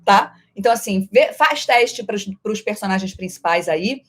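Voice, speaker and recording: A middle-aged Brazilian woman, a voice actress, answering viewer questions in a playful live-stream chat that often shifts in loudness and speed. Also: medium pitch, expressive, moderate pace. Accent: Brazilian Portuguese.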